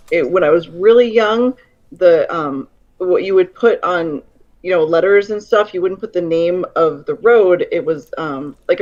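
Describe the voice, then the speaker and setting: A woman from Connecticut chatting casually, pausing often with hesitant fillers. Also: on the low side, darkish tone. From Connecticut, United States. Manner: hesitant, fills pauses with um. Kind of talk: casual chat. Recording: dull lo-fi stream audio.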